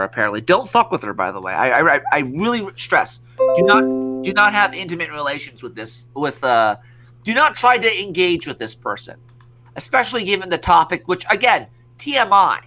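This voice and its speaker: Brash male podcast host, bright forward voice, rambling profane rant, slightly high. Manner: rambling, profane, many restarts.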